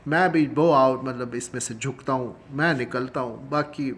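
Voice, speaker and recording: A man's voice: mid-range voice, fairly bright tone. Man teaching in a casual way. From Pakistan. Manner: explains in Urdu, slows down and stretches English phrases for emphasis; chuckles often, conversational with many fillers. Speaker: English teacher. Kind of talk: casual spoken lesson.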